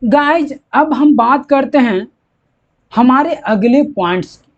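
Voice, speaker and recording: In a dull, lo-fi recording, an English teacher with a high, animated voice explains grammar slowly, one step at a time. They repeat every point and answer their own questions, like a slow classroom explanation.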